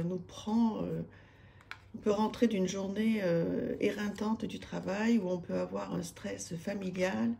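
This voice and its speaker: Femme à l'français, voix mate et éraillée, parle en hésitant, léger bruit de fond. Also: female voice, mid-range voice, vocal fry, mellow, slight background noise. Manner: hesitant, many fillers and restarts, enthusiastic. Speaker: tarot reader presenting her decks. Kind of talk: casual chat to camera. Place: home room with street noise outside.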